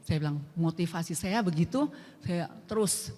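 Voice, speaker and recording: An older woman sharing a personal faith testimony at a church prayer group, earnest and emotional, moving between soft and emphatic speech. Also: lowish voice, normal speed. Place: church hall. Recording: echoey hall with long reverb.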